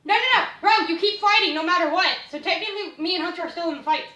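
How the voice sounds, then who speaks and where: A very high, bright child's voice chats through a video game with lots of excited swings. The kid is slangy and complaining, picked up from a distance in an echoey room. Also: quick pace. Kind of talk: excited casual gaming chat. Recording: echoey room, distant mic, faint noise.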